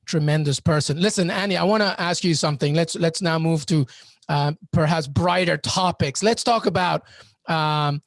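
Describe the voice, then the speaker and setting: A man with a fairly high, creaky voice hosts a podcast interview. He speaks effusively and often restarts his phrases. The sound is very dry, with no room echo. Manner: effusive, halting with repeated starts. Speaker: podcast host. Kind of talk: conversational interviewing.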